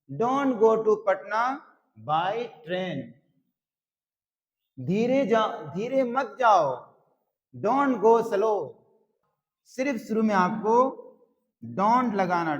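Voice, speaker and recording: A man teaching English grammar in a slow classroom style, repeating each phrase word by word. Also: sits high, big pitch swings, big-room sound, highs cut off. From Bihar, India.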